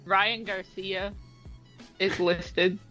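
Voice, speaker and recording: A woman's voice: mid-range voice, fairly even intonation, very slow, a bit bright, dull audio, faint music behind. A woman co-hosting a boxing podcast, blunt and profane in casual chat, reading out an article. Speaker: podcast co-host.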